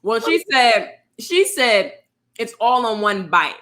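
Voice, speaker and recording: A woman's voice: a little high, takes it slowly. A woman co-hosting a casual online show, chatting easily about food while eating. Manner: relaxed, chatty, talks with her mouth full. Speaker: co-host. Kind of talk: casual chat.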